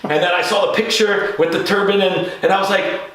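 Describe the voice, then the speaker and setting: A man's voice: high-pitched, steady tone, brisk, a bit bright. A man hosting an interview podcast, chatting casually and rambling with many fillers and restarts. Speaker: podcast host. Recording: very echoey room.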